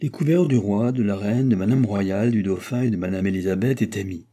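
A man reading a classic novel aloud as a narrator, with measured, even storytelling. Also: on the low side. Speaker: audiobook narrator. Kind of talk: scripted narration.

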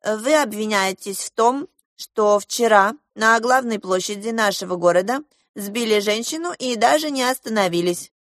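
A woman voicing a dutiful young female judge in a storybook reading, quiet, formal and obedient. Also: mid-range voice, moderate pace, dry recording, clean studio sound, pitched above the performer's own voice, natural voice. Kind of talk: audiobook character voice.

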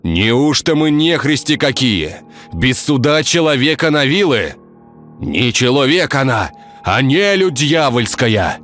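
A man's voice: mid-range voice, big pitch swings, measured pace, a bit bright, faint music behind, voice pushed up. A man reading a story, voicing an angry, superstitious peasant man. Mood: indignant.

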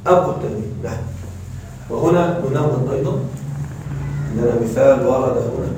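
A male grammar teacher giving a classroom lecture, quizzing his students and reciting verses slowly. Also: medium pitch, background noise. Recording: echoey room from a distance.

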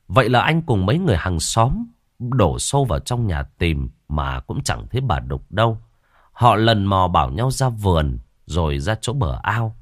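A man's voice: sits low, no room sound, studio quality. Dramatic male horror storyteller. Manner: dramatic, expressive. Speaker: narrator.

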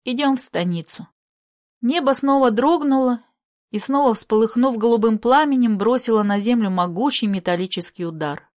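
A woman narrating a literary story in a measured, expressive reading style. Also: fairly high pitch.

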